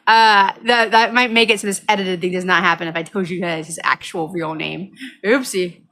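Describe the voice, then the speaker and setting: A woman's voice: lowish voice, steady tone, moderate pace, sharp tone. A woman hosting a casual, unedited gaming vlog, giggly and cutesy, often slipping into baby talk. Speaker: gaming channel host.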